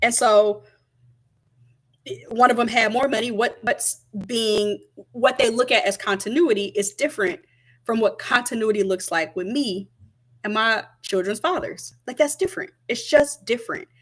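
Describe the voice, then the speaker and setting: A woman's voice: fairly high pitch, moderate pace, fairly bright tone. Chatty young woman talking straight to camera. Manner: chatty, emphatic, repeats points. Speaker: vlogger. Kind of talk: casual talk to camera.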